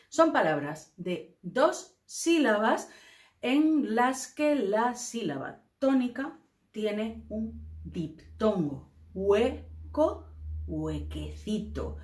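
A woman from Spain with a Spain accent, teaching a Spanish grammar lesson in a clear, careful way. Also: fairly high pitch, a little mellow, reverberant.

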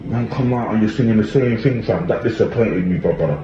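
Deep-voiced London man in an echoey room. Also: a little fast. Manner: emphatic, repetitive, with frequent tag questions. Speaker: commentator. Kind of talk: casual opinion monologue in street slang. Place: small tiled room indoors. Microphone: phone at arm's length. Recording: muffled, echoey small room with faint noise.

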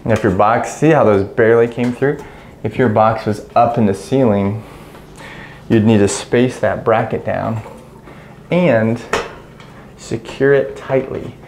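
A man in his thirties, an electrician, explains each step while he installs a ceiling light, in a relaxed, practical way. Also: lowish voice, a little slow, long pauses, slight background noise. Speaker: electrician instructor. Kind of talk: hands-on how-to narration. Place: small room in a house, indoors.

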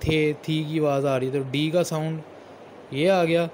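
A man teaching shorthand in a slow, unhurried way, naming each stroke and repeating it as he writes. His voice sits a little high for a man. Faint background noise and the odd passing vehicle can be heard. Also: fairly even intonation, a little mellow. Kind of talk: step-by-step lesson while writing.

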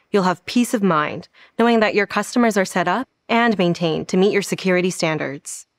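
A woman in her thirties presenting a scripted software tutorial with a polished, even delivery, standing on an indoor studio set. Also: mid-range voice, no echo. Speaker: product presenter.

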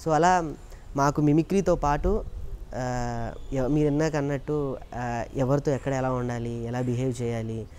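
In an unhurried, mid-range voice broken by frequent pauses, with slight background noise, the man describes his life as a mimicry artist in a casual interview. His storytelling is earnest and animated, complete with impressions of the people he cites.

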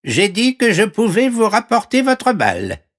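A man's voice: high voice, wildly swooping pitch, measured pace, fairly bright tone, voice pushed up, full character voice. A man voicing a small warty green frog, polite but insistent, in a storybook reading. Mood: calm.

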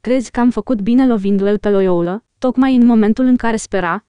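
A woman narrating an audiobook in a steady, even storytelling manner, recorded close on a studio mic. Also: a little high, clean tone, no echo, muffled recording.

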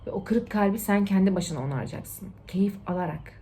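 A young woman talking casually to her viewers in a lively, lecturing way, swinging between loud and hushed. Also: mid-range voice, a little fast. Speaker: TikTok vlogger. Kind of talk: casual motivational chat to camera.

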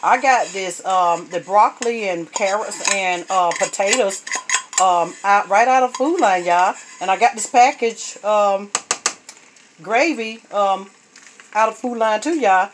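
A woman with a mid-range, slightly slow voice chats through a home cooking video in her kitchen, calling out to viewers and saying "y'all" in a homey way. It's a noisy phone recording, the camera held over the pot, with pots and utensils clinking in the background.

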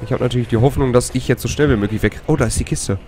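A man's voice: mid-range voice, rapid-fire. A man commentating his own horror game run, swearing often, switching from nervous muttering to panicky outbursts. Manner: swears a lot, panicky outbursts and whispered hisses. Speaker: let's play gamer. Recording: gameplay with loud music.

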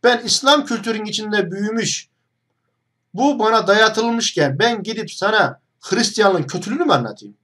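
A man's voice: high-pitched, fairly bright tone. A young man hosting an online video, talking straight to the camera in a mocking, combative monologue full of rhetorical questions.

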